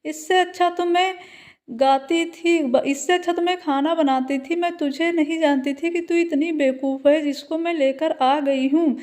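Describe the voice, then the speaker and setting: A woman's voice: high-pitched, fairly even intonation, unhurried, darkish tone. Woman voicing a scolding old mother-in-law. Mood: scornful. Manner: scolding, sarcastic. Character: sharp-tongued older mother-in-law, scolding.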